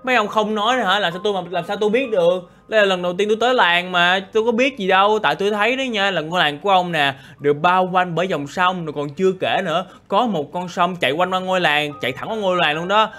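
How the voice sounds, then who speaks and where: A man narrating a Minecraft role-play, excitable and full of exclamations and asides to viewers. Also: high-pitched, fast, few pauses. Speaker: gaming YouTuber.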